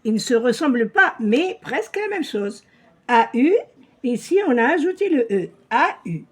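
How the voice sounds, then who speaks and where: Woman teacher, patient, husky, animated pitch, repeats and explains slowly. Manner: slow, repeats words and gives translations. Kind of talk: patient reading lesson for a child.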